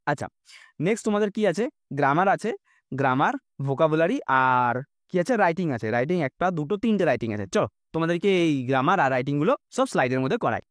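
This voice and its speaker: Male teacher, Bengali accent, patient explainer, high animated pitch. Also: fairly quick, no room sound, studio quality. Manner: explaining patiently, keeps asking "understood?". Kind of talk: exam-prep English lesson.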